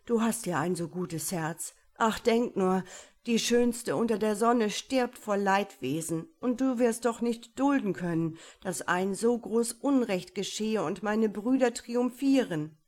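Woman doing a desperate young prince, begging loud and high, slow. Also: close to an everyday voice. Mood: pleading.

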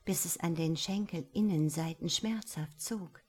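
A woman reading an audiobook in a breathy, intimate manner, at times half-whispered. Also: lowish voice, a little slow. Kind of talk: audiobook narration.

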